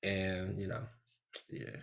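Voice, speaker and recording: A man's voice: low voice, completely flat delivery, slow, creaky, a bit bright, a little hiss or hum. A tipsy man co-hosting a casual podcast, rambling loosely with plenty of slang and swearing. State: a little tipsy. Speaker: podcast co-host. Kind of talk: casual, profane podcast chat.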